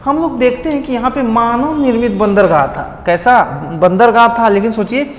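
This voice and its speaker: A man's voice: very high-pitched, moderate pace, roomy sound, big-room sound. A man from India teaching an exam-prep history lesson, quizzing his students by repeating each key fact as a question and giving memory tricks.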